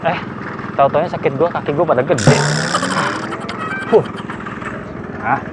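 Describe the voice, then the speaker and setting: A man's voice: fairly high pitch, a little slow, heavy background noise. A man acting in a comedy sketch, cheeky and joking as he flirts.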